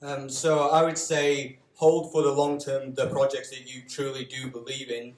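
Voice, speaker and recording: Flat-voiced man giving advice. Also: mid-range voice, moderate pace. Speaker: panelist. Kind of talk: live panel talk. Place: coworking space event room. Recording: echoey room.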